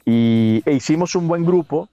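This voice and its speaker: A middle-aged Venezuelan actor with a softened, near-Colombian accent, telling stories in a casual interview, repeating himself often and restarting sentences. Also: male voice, fairly high pitch, unhurried, dry recording, lo-fi sound. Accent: Venezuelan, neutralized toward Colombian. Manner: animated storytelling, many repeats and restarts, laughs often.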